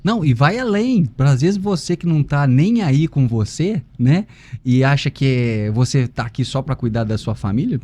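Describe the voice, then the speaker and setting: A man's voice: medium pitch, animated, normal speed, warm tone. A Brazilian man speaking with a swollen lip, hosting a conversational interview. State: swollen lip after a biopsy. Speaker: podcast host.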